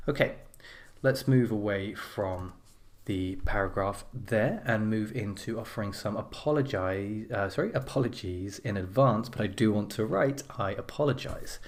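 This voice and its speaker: Male teacher, low-ish voice, patient step-by-step explainer for a writing lesson. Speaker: English teacher.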